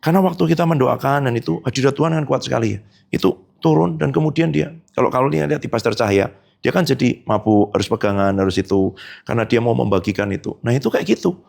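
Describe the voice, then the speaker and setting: A man's voice: lively intonation, quick pace, gravelly, a little mellow. A middle-aged male pastor giving a conversational sermon, telling stories and acting out the dialogue in them. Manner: storytelling, acts out quoted dialogue with big pitch swings.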